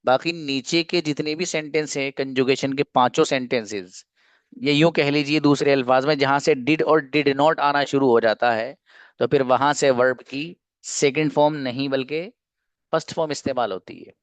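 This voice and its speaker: A man teaching English grammar in an online class, patiently explaining and slowly repeating example sentences, using Urdu-flavored Hindi. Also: mid-range voice, fairly even intonation, dry recording.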